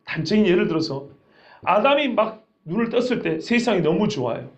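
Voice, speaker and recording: Animated high-voiced male pastor preaching. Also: a little fast. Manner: conversational preaching with rhetorical questions. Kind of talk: sermon.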